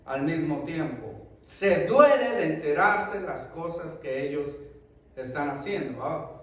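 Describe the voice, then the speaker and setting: A pastor delivering an emphatic sermon, asking rhetorical questions. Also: male voice, on the high side, animated, a little slow, fairly bright tone. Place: church sanctuary. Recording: very echoey church hall, voice from far off.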